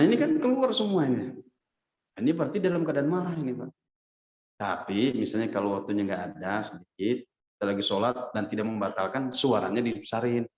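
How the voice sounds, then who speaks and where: A man preacher giving a casual, lively hadith lesson in a mosque, often turning to his listeners and acting out quotes. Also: mid-range voice. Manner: lively, addresses listeners as Pak, acts out quotes. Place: mosque hall. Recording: echoey dull mosque recording.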